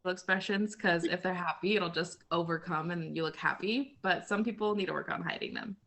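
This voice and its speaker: Bright sounding woman leading a group lesson over video call, chatty, says like a lot. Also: lowish voice, a little fast. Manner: chatty, explains with everyday examples, fills with "so" and "like". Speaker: group leader presenting a lesson. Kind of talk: casual teaching talk to a group.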